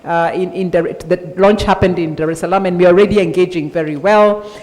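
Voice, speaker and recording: A woman's voice: on the low side, fairly even intonation, a little fast, darkish tone. A woman, emceeing a conference and introducing panelists, drawing out names and key words in an upbeat way. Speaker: event emcee. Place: large indoor conference hall. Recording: reverberant conference hall PA.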